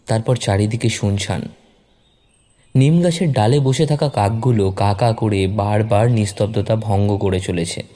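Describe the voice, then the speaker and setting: A man reading a story aloud in a measured, expressive narration. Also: fairly low pitch. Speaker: story reader. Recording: narration over background music.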